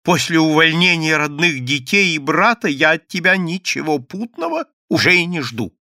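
A man's voice: a little high, big pitch swings, moderate pace, pushed and bright, no echo, clean studio sound, voice pushed up, full character voice. A man voicing a sour, reproachful woman, the wife of an official.

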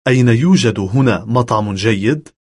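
Male, slightly husky, measured phrasebook narrator for language lessons. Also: medium pitch. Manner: measured, instructional delivery.

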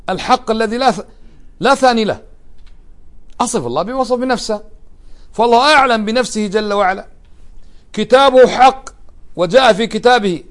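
A middle-aged man gives an animated religious lecture, often putting questions to his listeners and answering them himself. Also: sits high. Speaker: religious teacher. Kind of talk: lecture explaining a religious text.

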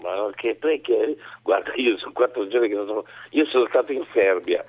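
A sick, feverish man calling into a radio show as a comedian guest, answering slowly in short phrases with a chuckle now and then. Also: expressive, husky, no echo. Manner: slow, low-energy, short replies with chuckles. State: feverish, unwell. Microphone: phone line. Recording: tinny phone line.

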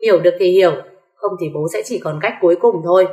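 A stern older father-in-law who lays down the law, as a woman narrator plays him. His voice sits low and firm. Echo hangs in the room. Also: fast talker, mellow, natural voice. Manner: stern, commanding. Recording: echoey room.

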